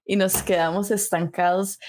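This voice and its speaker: Young Costa Rican woman, podcast co-host, lively storyteller. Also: mid-range voice, normal speed, a little hiss or hum. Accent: Costa Rican Spanish. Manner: animated storyteller, tag questions, laughs often. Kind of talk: casual storytelling chat.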